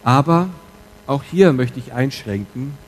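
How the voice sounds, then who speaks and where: A pastor preaches to his church congregation, speaking candidly and directly, shifting between quiet asides and loud, emphatic stresses. His mid-range voice is expressive and unhurried, and the recording quality is low.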